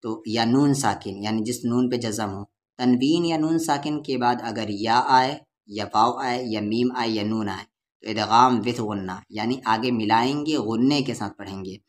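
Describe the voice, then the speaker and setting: This is a letter-by-letter Quran recitation lesson led by a man whose accent is Urdu-Hindustani. His pitch is medium and his speed normal, and he takes his time sounding out syllables and drawing out vowels.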